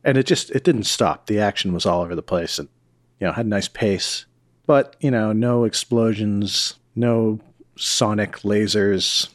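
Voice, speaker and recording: A man's voice: lowish voice, measured pace, no room sound, clean studio sound. A man co-hosting a podcast, talking in an easygoing, wry way. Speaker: podcast co-host. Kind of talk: casual chat.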